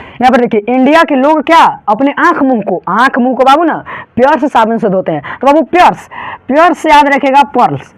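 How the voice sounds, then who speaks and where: A young man in his late teens with a Bihari Hindi accent, explaining exam memory tricks in a chatty, repetitive way and drawing out titles slowly. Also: very high-pitched, no room sound. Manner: chatty, repetitive, keeps calling listeners "babu", drags out titles slowly. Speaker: exam tutor.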